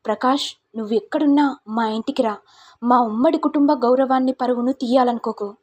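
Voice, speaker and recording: A stern, hot-tempered middle-aged mother, voiced by a woman narrator, scolding and demanding answers. Her voice is husky and set a little high. Told as a storytelling recap. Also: steady tone, fairly quick, a little mellow, natural voice.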